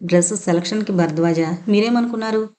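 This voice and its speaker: A woman's voice: mid-range voice, fast, mellow, lightly acted. A woman reading a playful teasing young woman.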